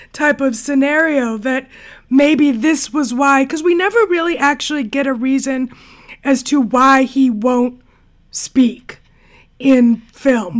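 High-voiced woman, inquisitive interviewer. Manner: inquisitive, discursive. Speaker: podcast host. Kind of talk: interview questions.

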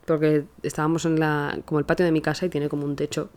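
Young Spanish woman telling a story. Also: low-pitched. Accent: Spain Spanish. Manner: animated, rushes and restarts while telling an anecdote. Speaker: podcast host. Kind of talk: casual storytelling monologue.

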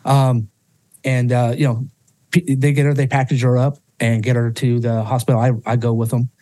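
A man's voice: medium pitch, little pitch movement, normal speed, mellow, no echo. A man guest on a podcast telling a personal story with emotion, swearing freely and restarting his sentences often.

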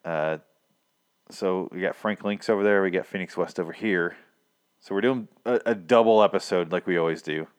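A man with a deep, bassy voice co-hosting a casual podcast in a breezy, jokey, conversational way. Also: moderate pace, clear, resonant tone. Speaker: podcast co-host.

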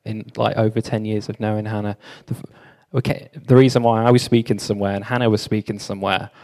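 A man's voice: lowish voice, flat delivery, fast talker, darkish tone. A man speaking as a church pastor, informally addressing a congregation and often restarting his phrases.

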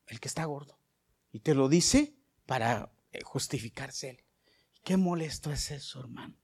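A middle-aged male pastor, preaching a sermon that swings from soft, chatty asides to loud, rising bursts. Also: medium pitch, lively intonation, normal speed, husky.

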